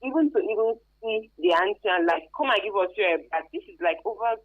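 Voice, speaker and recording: Her voice sits on the high side, very animated and brisk: a Nigerian-accented woman guesting as a human trafficking expert on a radio interview. She explains emphatically and conversationally, with local Pidgin tags, and the recording has a thin, phone-like, band-limited radio quality.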